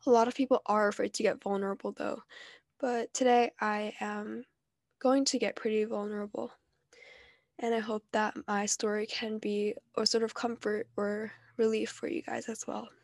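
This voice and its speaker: A woman's voice: medium pitch, little pitch movement, normal speed, no echo, studio quality. A teenage girl with a nasal voice from allergies, talking candidly and casually on her own podcast. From New Jersey. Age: teens. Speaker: podcast co-host. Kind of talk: personal podcast monologue.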